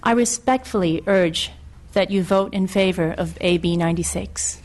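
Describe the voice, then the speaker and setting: A middle-aged woman from Hong Kong, testifying before a legislative committee and reading a prepared statement in an earnest, formal, measured way. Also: on the low side, darkish tone.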